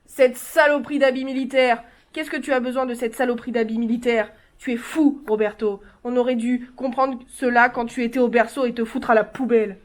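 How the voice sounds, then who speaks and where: A woman's voice: fairly high pitch, steady tone, brisk, few pauses, lightly acted. A woman playing a frightened, grieving mother in a stage play, tense, scolding and pleading.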